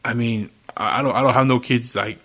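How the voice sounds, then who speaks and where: A man's voice: medium pitch, fairly even intonation, fairly quick, fairly bright tone, slightly rough. A man in casual podcast chat, a youth coach and counselor speaking bluntly, repeating himself and calling people man and dude. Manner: blunt, repetitive, says man and dude often.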